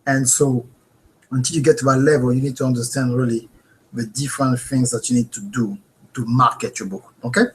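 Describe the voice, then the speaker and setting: In a low-quality recording, a French-accented host teaches a live webinar from his home office through a webcam microphone. He talks fairly quickly in a mid-range male pitch, staying earnest and animated while repeatedly checking on the viewers.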